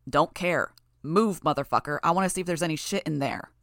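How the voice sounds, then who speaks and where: Woman reads a crude bullying thug, low and loud. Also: brisk, dry recording, clean studio sound. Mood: aggressive. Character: crude aggressive male thug in corridor.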